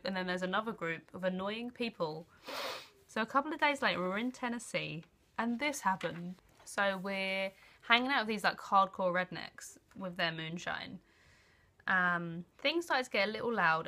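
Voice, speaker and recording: Young British female vlogger, bright forceful voice, mid pitch. Casual diary read-aloud, animated, giggly, acts out quotes. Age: young adult. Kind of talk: casual reading aloud from old journals with chatty asides.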